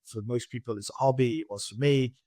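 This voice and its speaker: Speaking fairly quickly with a steady, dark-toned medium-pitched voice, this Welsh poker pro in his forties chats on a casual podcast. He rambles, laughs a lot, and keeps restarting and using fillers, and the studio recording has no room sound.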